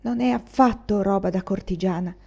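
A woman voicing a calm, innocent young bride. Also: medium pitch, normal speed, creaky, husky, lo-fi sound. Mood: tearful. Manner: calm, practical, gentle.

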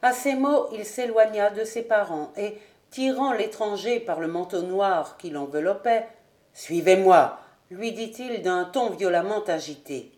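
Woman, audiobook narrator, steady and even, mid pitch. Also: unhurried, echoey room. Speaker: audiobook reader.

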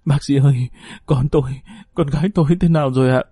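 A man's voice: medium pitch, normal speed, mellow, slightly rough, no echo, clean studio sound, lightly acted. A man voicing a grieving middle-aged mother who pleads tearfully with a doctor about her daughter. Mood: frantic.

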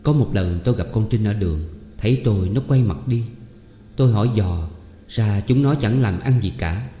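A man reading a novel aloud as audiobook narration in a steady, even storytelling manner. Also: lowish voice, normal speed, slight background noise. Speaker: audiobook reader. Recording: echoey room with long reverb.

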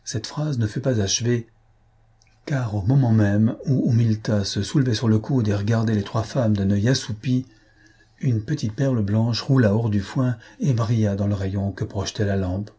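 Man, audiobook narration, husky, dark mellow tone. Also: fairly low pitch, moderate pace. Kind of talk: scripted narration.

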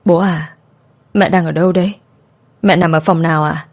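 A young daughter, anxious and choked up, presses her father for answers in a spoken story, as a woman narrator reads her. The tone is low and soft. It stays close to the reader's own voice. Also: steady tone, moderate pace. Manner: pleading, choked up.

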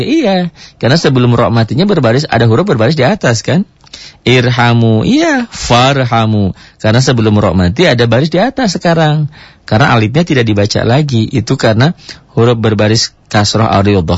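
A man with an Indonesian accent teaching Quran recitation rules in a radio lesson, explaining step by step and sounding out Arabic words slowly, with sudden jumps in pitch to stress a point. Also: dry recording. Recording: dull dry radio broadcast recording.

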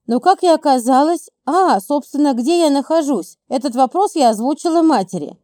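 A woman narrates an audiobook in the first person with a smooth, even delivery. Her voice is high but dark and mellow in tone. The recording is close and dry. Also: moderate pace, dry recording.

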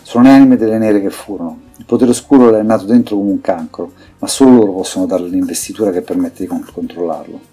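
A man's voice: deep voice, fast, hardly any pauses, warm tone, slightly rough, faint music behind. A man voicing a frail, suspicious old male sorcerer who speaks in a faint, strained murmur. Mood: weak, urgent.

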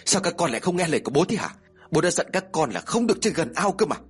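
A man's voice: lowish voice, big pitch swings, fast talker, slightly rough, voice pushed down, exaggerated voice. A man doing a worried, stern young father.

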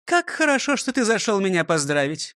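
A man voicing a cheerful, fussy elderly schoolteacher woman who exclaims brightly. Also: high-pitched, sing-song, a little fast, no echo, clean studio sound, voice pushed up. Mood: delighted. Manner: chirpy, exclaiming.

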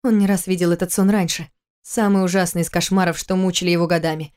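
A woman reading a novel aloud in steady scripted narration. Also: on the low side, fast, clear, resonant tone. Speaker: audiobook narrator.

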